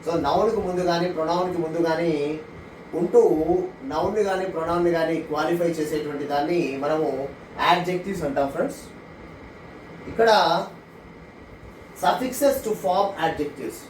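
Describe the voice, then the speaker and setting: A man with a Telugu accent teaches an English grammar lesson in a high voice. He reads the definitions slowly and then explains them quickly. The recording is echoey and distant, with a faint hiss. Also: darkish tone.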